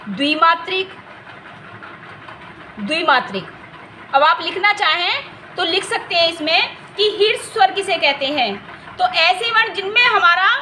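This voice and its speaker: High, bright-voiced woman teaching Hindi grammar. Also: a little hiss or hum. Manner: explanatory, repeats key terms, checks understanding often; stretches vowels to demonstrate length. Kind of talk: exam-prep grammar lesson.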